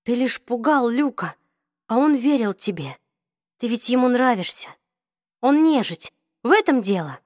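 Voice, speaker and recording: A woman's voice: on the high side, sing-song, unhurried, pauses often, dry recording, studio quality. A woman voicing a hurt, defiant teenage girl, raising her voice slightly in an audiobook reading.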